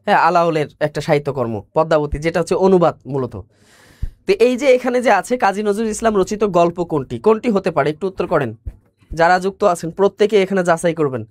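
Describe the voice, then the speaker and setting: A man with a Bangladeshi Bengali accent teaches an exam-prep class online. His voice sits high, and he repeats key words and questions his listeners as he explains. The sound is dry and close, with no room echo. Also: expressive, fast.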